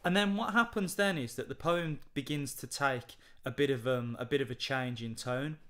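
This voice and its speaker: A man working through a poem as a tutor, in a voice of middling pitch. He explains in a measured way, thinking aloud with the odd um and restart. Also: fairly bright tone. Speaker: English literature tutor.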